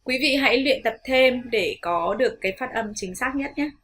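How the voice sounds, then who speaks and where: A woman with a Vietnamese accent teaching English pronunciation in an online lesson, politely addressing viewers and modelling words slowly and carefully. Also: on the high side, animated, a bit bright.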